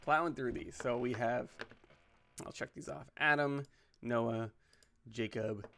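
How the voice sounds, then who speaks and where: A man hosting a casual livestream who builds game characters while thinking out loud, rambling and making joking asides. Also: medium pitch, fairly even intonation, takes it slowly, vocal fry. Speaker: pastor and livestream host.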